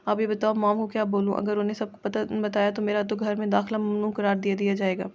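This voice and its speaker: A woman reading a romance novel aloud in a steady, even voice, with some stumbles over words. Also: medium pitch, a little fast, lo-fi sound. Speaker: novel narrator.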